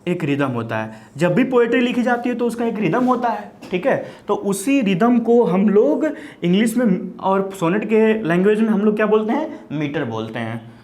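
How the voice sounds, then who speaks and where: A man's voice: high-pitched, sing-song, moderate pace, darkish tone. A male teacher with an Indian English accent gives an exam-prep literature lecture, mixing Hindi and English, repeating key terms and asking and answering his own questions. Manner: frequent "ठीक है?" checks with students.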